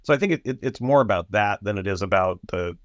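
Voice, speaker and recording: A man analysing foreign policy in a halting way, with many fillers and restarts. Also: lowish voice, lively intonation, no echo, dull audio. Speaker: panel guest analyst. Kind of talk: policy discussion.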